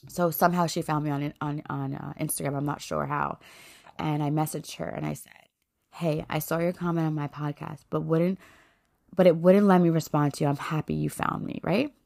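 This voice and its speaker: Her voice deep, gravelly, and a little mellow, a thirtysomething woman talks steadily at normal speed on her personal faith podcast. She rambles sincerely, leaning on "like" and "you know," as emotion makes her voice crack.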